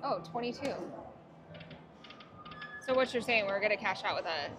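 A woman in her forties chatting casually and reacting excitedly as she vlogs slot play on a casino floor. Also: medium pitch, normal speed. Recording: loud music behind the voice.

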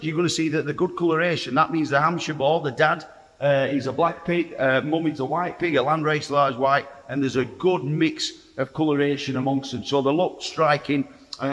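A man in his forties with a Yorkshire accent gives a plain-spoken, chatty farm update from inside a pig barn, often stopping for "uh" and restarting his sentences. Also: on the high side. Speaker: farmer presenting a farm video. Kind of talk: casual walk-and-talk farm update. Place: indoor pig barn with pens and straw. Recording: long reverb of a large barn.

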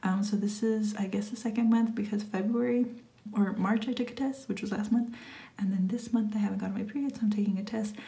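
A young woman whispers into her phone camera late at night at home, speaking at an ordinary, middle pitch. She sounds nervous and rambles, trailing off and restarting her thoughts as she talks. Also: fairly even intonation, brisk, creaky, mellow. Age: 20s. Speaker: vlogger. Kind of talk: late-night confessional vlog.

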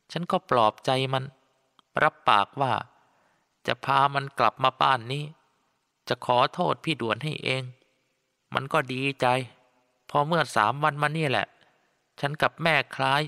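A man's voice: mid-range voice, measured pace, gravelly, long pauses, sharp tone, voice pushed up. A man voicing a tearful, scheming woman, the father's younger sister, in a storybook audiobook who talks in a weepy, pleading way. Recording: long reverb.

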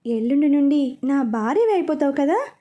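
A woman's voice: sits high, big pitch swings, fairly quick, dark tone, muffled recording. A woman reading a story, voicing a young man who coaxes and apologizes to his fiancée. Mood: tender. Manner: coaxing, apologetic.

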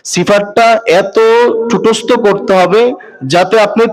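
A man's voice: high-pitched, low-quality recording. A man teaching Quran recitation rules in Bengali, explaining step by step and putting questions to his students. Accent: Bangladeshi Bengali. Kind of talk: tajweed lesson, spoken explanation.

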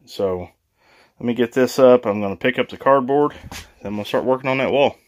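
A man's voice: mid-range voice, moderate pace. A man hosting a casual home renovation vlog, chatting informally while showing tools and work. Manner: chatty, informal, laughs at own jokes. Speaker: channel host, DIY renovator. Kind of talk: casual DIY vlog narration. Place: mobile home and workbench indoors.

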